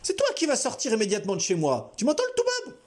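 A man's voice: extremely high pitch, wildly swooping pitch, fast, pitched above the performer's own voice, heavily acted. Man doing a brash, taunting young father. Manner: taunting, contemptuous. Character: burly young menacing father, brash and mocking.

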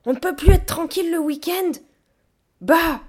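Brief: woman voicing a gruff storybook gorilla who loves books and shouts in irritation. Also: fairly high pitch, animated, moderate pace, voice pushed up, close to an everyday voice. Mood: angry. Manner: shouting, indignant. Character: gruff loud female gorilla, book-loving, short-tempered. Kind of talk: audiobook reading.

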